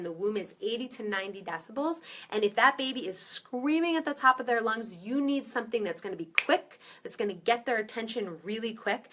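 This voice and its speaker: Chatty woman nurse with a bright voice. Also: mid-range voice. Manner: chatty, loose, many fillers and restarts. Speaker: maternity nurse giving baby-soothing tips. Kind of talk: casual live-stream teaching.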